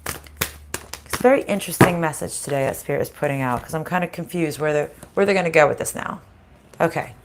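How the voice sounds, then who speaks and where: A woman's voice: low voice, noisy background. Groggy-voiced woman improvising a card reading. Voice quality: groggy, slightly hoarse. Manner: halting, thinking aloud, conversational. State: groggy, recovering from voice loss and sinus infection. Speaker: spiritual card reader hosting a live reading.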